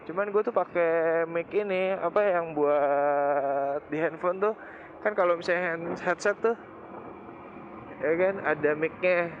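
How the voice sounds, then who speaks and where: A man's voice: a little high, unhurried. Chatty lisping Jakarta man, muffled and noisy. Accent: Jakarta Indonesian. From Indonesia. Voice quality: lisped r (cadel), cannot roll the r sound. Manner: chatty, slangy. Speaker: motovlogger. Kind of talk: casual rambling chat to viewers. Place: riding a motorbike outdoors. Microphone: cut-off earphone mic inside helmet. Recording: muffled earphone mic, loud vehicle and wind noise.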